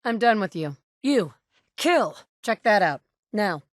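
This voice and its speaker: Recorded on a close mic in a studio with no room sound, a woman voices a tough, blunt female survivor, the player character in a game, delivering curt, commanding lines. Her mid-range voice swings widely in pitch and takes its time.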